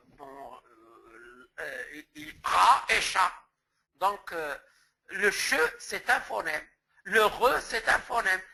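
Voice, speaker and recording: A man's voice: high-pitched, gravelly, bright, forceful tone, breathy edge, poor audio. A man from Morocco giving a lecture as a teacher trainer, explaining step by step and restating terms with word examples.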